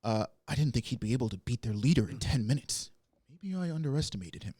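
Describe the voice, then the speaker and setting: A man voices a cool, confident fighter. He sounds calm and matter-of-fact at a middle pitch. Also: quick pace, slightly rough.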